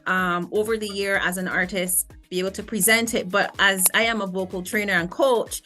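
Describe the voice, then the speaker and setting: Bright-voiced woman singer. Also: mid-range voice, steady tone, moderate pace, faint music behind. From Barbados. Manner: earnest, reflective, with frequent restarts. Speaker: guest singer and vocal coach. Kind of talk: interview conversation.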